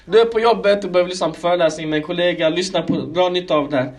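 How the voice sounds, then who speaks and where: A man preaching a sermon, calling his listeners brothers and sisters and pressing them with one rhetorical question after another. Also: high voice. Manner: clears his throat now and then.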